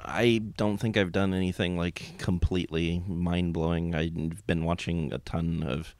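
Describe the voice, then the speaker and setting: A man's voice: low-pitched, steady tone, a little slow, darkish tone, dry recording. A man co-hosting a casual radio talk show from a studio, laid-back and offhand. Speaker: co-host.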